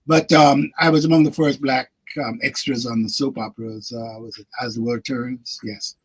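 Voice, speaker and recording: A man's voice: medium pitch, steady tone, moderate pace, breathy edge. An older man from Guyana, a guest on a radio talk show, telling stories reflectively with frequent laughs and fillers. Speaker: actor and guest. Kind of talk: radio interview storytelling.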